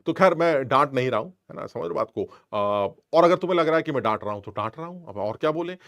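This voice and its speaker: A man's voice: a little high, animated, fast, fairly bright tone. A man teaching chemistry in an informal, scolding, emphatic lecture style. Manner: scolding, emphatic, plays both teacher and student.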